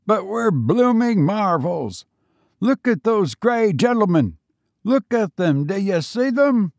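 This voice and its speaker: A man voicing an excited British soldier in a trench who bellows in astonishment. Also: sits high, slow, no echo, studio quality, voice pushed up, heavily acted. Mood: astonished.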